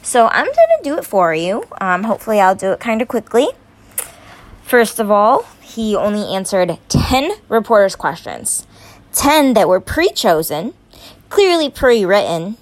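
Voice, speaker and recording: A woman's voice: medium pitch, big pitch swings, measured pace. A young woman vlogging her opinions on politics, growing emphatic and stumbling over her words as she gets worked up. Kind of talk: casual opinion commentary.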